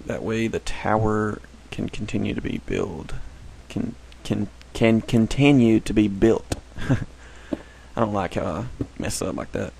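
Gravelly-voiced man rambling over gameplay. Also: fairly low pitch, slow pace, a little mellow, a little hiss or hum, rough recording. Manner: rambling, self-correcting. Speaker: gameplay commentator. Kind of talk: casual gameplay commentary.

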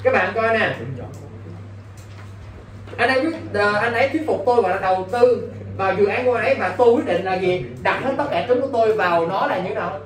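A brisk, high-voiced man teaches English for exam preparation, quizzing his class without letup and asking "got it?" over and over. It sounds roomy, recorded on a distant mic with faint background noise.

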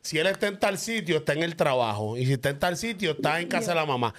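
A man with a slightly high voice tells an animated, joking story. He sounds like a co-host in casual podcast banter. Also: fast.

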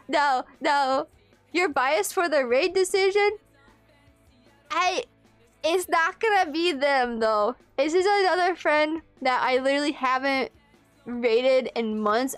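High-pitched playful young woman streamer. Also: no room sound. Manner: playful, giggly, exclamatory. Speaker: live streamer. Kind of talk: casual livestream chat with viewers. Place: small room at home, indoors.

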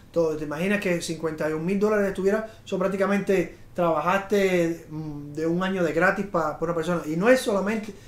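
A middle-aged man with a high-pitched voice talks through money tips as a live video host. He rambles, restarts his sentences and pushes an eager sales pitch. The room around him sounds echoey. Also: a little fast. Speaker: realtor and show host. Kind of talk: live video talk on home finance. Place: studio in front of a slide screen.

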